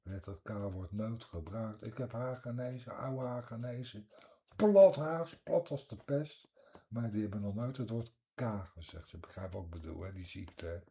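A man's voice: on the low side, normal speed, warm tone. An older man hosting a casual radio chat show, rambling and opinionated in a down-to-earth way. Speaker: radio host. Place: radio studio.

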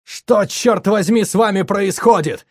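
A male narrator voicing a furious young man who shouts indignantly at his comrades. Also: mid-range voice, a little slow, dry recording, studio quality, voice pushed up, close to an everyday voice. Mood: furious shouting.

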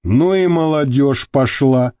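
A man voicing a gruff older male prison boss who speaks slowly and lectures. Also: mid-range voice, warm tone, dry recording, close to an everyday voice. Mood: lecturing. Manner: slow, weighty, lecturing.

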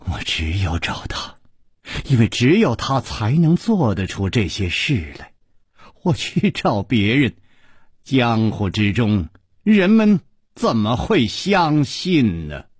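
A cold, domineering mistress of a martial sect, put on by a male storyteller. The voice sits deep and unhurried, with a husky grain, each threat laid down slowly. It is close and dry, like a storybook read aloud on radio. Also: big pitch swings, no echo, full character voice. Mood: menacing. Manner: low, slow, menacing delivery. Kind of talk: traditional storytelling broadcast.

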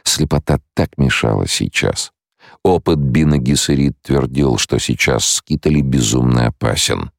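A man narrating an audiobook in a measured, even storytelling manner. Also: a bass voice, vocal fry, no room sound, clean studio sound. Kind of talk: scripted narration.

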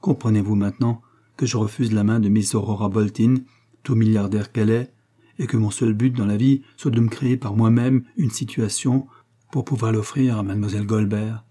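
A man's voice: on the low side, fairly even intonation, normal speed, mellow, natural voice. A man reading the lines of an anxious young man in love, delivered in an earnest, searching way in an audiobook.

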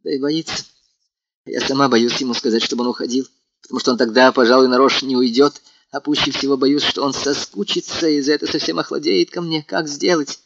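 A male reader voicing an anxious young woman in love, hushed and urgent, in an audiobook. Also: medium pitch, fairly even intonation, brisk, gravelly, slight background noise. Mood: worried whisper. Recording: dull, lo-fi sound.

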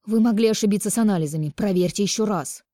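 A woman voicing a hysterical, scheming young woman in an audiobook, with a shrill, frantic, pleading manner. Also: fast, mellow, dry recording, studio quality, natural voice. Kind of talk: audiobook character reading.

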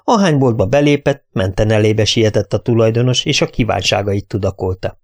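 A man's voice: fairly low pitch, expressive, darkish tone. Man reading an audiobook steadily. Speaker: audiobook reader. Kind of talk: audiobook narration.

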